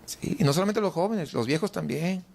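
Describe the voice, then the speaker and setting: Animated and fairly quick, this church pastor has a high, creaky voice with a darkish tone and a Mexican Spanish accent. He fires rhetorical questions at the congregation and plays out their doubts with a raised voice.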